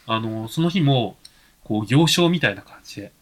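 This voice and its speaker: A man co-hosting a podcast in relaxed casual chat, laughing often. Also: medium pitch, moderate pace. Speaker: podcast co-host.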